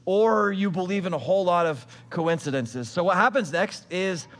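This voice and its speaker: A man with a high voice preaches a sermon. He retells an old scripture story like he is chatting with friends, dropping in modern slang and asides. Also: moderate pace, fairly bright tone, big-room sound. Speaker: pastor.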